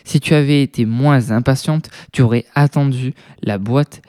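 Casting: a teasing storybook boy, voiced by a woman in a lowered, mellow voice, mock-polite and quarrelsome. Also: normal speed, dry recording, studio quality. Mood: squabbling. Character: squabbling cheeky little boy cousin.

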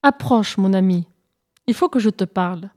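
A woman's voice: medium pitch, moderate pace, dark tone, natural voice. A woman voicing a greedy, scheming female hyena who speaks in a false, bossy way in a storybook tale. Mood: sly, commanding. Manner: falsely friendly, then commanding.

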